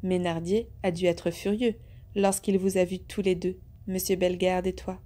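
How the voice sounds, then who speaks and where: Soft sweet young daughter, tender way of talking, woman reading her. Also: lowish voice, little pitch movement, moderate pace, close to an everyday voice. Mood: curious.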